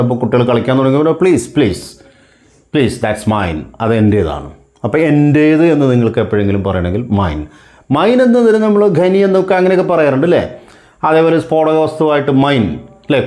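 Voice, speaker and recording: A man with a Malayali accent, a native Malayalam speaker teaching a spoken English lesson, repeating example sentences slowly and explaining them step by step. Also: medium pitch, a little mellow.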